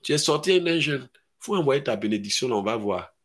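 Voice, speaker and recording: A male pastor with an Ivorian French accent preaching a fiery sermon. He swings between shouted exhortation and low, mocking imitations of doubters. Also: lively intonation, fairly quick.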